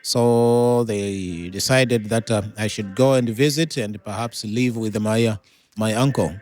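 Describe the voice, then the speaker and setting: A middle-aged man from Tanzania, a pastor, telling his life story as an interview guest in an unhurried way with many pauses and fillers. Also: lowish voice, darkish tone.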